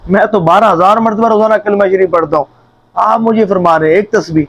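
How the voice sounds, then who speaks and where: Eager young guy bragging and pleading, a preacher voicing him, highish voice, muffled audio. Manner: pleading, boastful. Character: eager young man, proud devotee.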